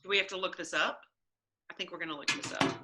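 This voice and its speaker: A woman co-hosting a comedy podcast, reading fan fiction aloud with playful, animated delivery and chatting casually. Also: on the low side, fast, noisy background. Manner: animated, playful, acts out dialogue. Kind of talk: comic dramatic reading and casual chat.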